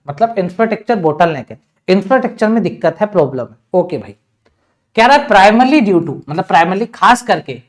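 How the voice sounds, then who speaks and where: A man with an Indian accent teaching an online exam-prep lesson. He reads English passages slowly, explains each word in Hindi, and teases his students with rhetorical questions. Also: sits high. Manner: chatty and teasing, with many rhetorical questions.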